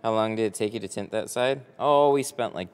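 Speaking into a close microphone on a boom arm, this window tinter in his early thirties answers viewers during a casual livestream. He's an American man with a lowish, clean voice, easygoing and hesitant as he works through his thoughts. The large garage workshop, boat included, gives the sound a long reverb like a hall.

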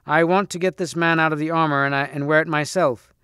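A man's voice: a little high, steady tone, fast, smooth, no room sound, studio quality, voice pushed up. A man voicing a bold, fearless young knight who talks in a raised, eager voice. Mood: earnest. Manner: raised, eager, shouting taunts.

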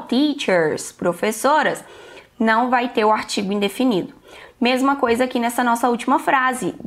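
A woman teaching an online English lesson, explaining step by step and often checking in with "ok?". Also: fairly high pitch.

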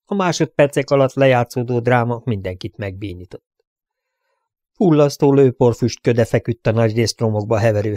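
Male audiobook narrator, mid-pitched, even storyteller, close dry recording. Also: no echo.

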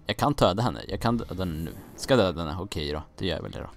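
Playing a game and narrating it himself, this young man from Sweden rambles, jokes, gets muddled, and swears a little. His voice sits low with lively intonation, and there's slight noise in the background.

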